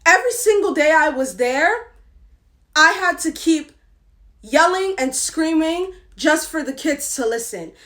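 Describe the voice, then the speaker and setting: A woman's voice: high-pitched, animated, a little slow, fairly bright tone. A young woman and former tutor in a vlog rant, indignant and emphatic as she lays out her complaint. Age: young adult.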